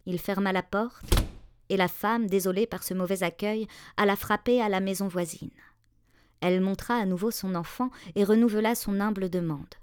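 A woman narrating a fairy tale in a measured, expressive reading voice. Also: mid-range voice, smooth, no room sound, studio quality. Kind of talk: storybook narration.

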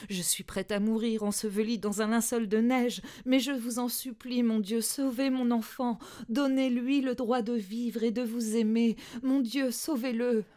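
A woman voicing a poor, exhausted young mother who pleads softly for help. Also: mid-range voice, close to an everyday voice. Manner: soft, imploring.

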